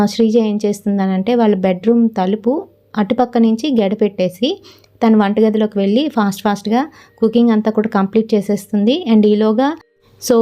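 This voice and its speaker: Mellow-voiced woman telling a horror story. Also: mid-range voice, dull audio. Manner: relaxed, frequent "aa" fillers. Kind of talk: casual spoken horror storytelling.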